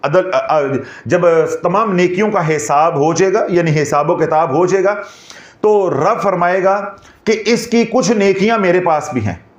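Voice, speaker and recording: A man giving a devotional lecture as a spiritual teacher, animated and mixing in humor. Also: sits high, a little slow, roomy sound, highs cut off. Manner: animated, mixes in Punjabi phrases and humor.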